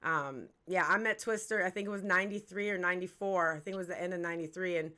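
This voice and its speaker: Her voice sits on the low side with a sharp edge, and she speaks quickly. She's the host of a music review livestream, a woman in her forties running a casual hip-hop interview, chatty and candid, heavy on slang and cursing without restraint.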